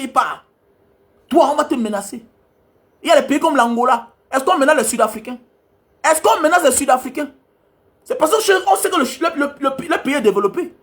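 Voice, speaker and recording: Guy ranting at his viewers, high voice, mad and scolding, keeps hammering the same point over and over. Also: a bit bright. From Cameroon. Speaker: travel vlogger.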